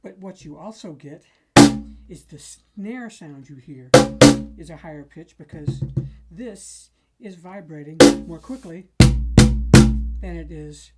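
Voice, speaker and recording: A woman demonstrating a cajon she builds, explaining it in an unhurried, casual way with pauses and fillers. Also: low-pitched, over loud music. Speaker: cajon maker demonstrating an instrument. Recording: cajon drumming between and under the speech.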